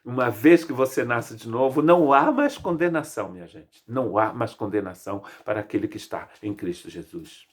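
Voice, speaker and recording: A man's voice: mid-range voice, expressive, a little fast, hardly any pauses. A man in his fifties from Brazil with a Brazilian Portuguese accent, preaching a sermon as pastor in an emphatic way, stacking repeated phrases. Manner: emphatic, lists phrases in rising repetition. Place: church.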